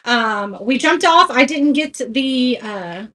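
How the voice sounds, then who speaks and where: Chatty high-voiced woman. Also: animated, slow, fairly bright tone. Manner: chatty, greets viewers by name, self-deprecating. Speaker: craft tutorial host. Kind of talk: casual live-stream painting tutorial.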